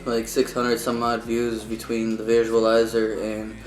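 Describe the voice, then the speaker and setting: A man's voice: fairly low pitch, monotone, unhurried. A man from the United States, a musician being interviewed, talks in an informal, self-promoting way in casual chat. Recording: echoey room, music behind.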